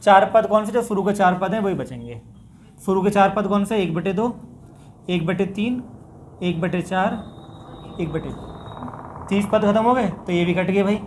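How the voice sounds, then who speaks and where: A man's voice: sits high, moderate pace, long pauses, a little hiss or hum. A man with a north Indian Hindi accent, teaching a maths class step by step and addressing his students as "bhai". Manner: talks through steps, addresses students as bhai.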